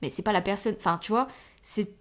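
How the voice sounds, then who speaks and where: A woman's voice: medium pitch, brisk. A woman hosting a solo podcast in casual chat, thinking aloud with lots of fillers and slangy tags, hesitant but opinionated. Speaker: podcast host.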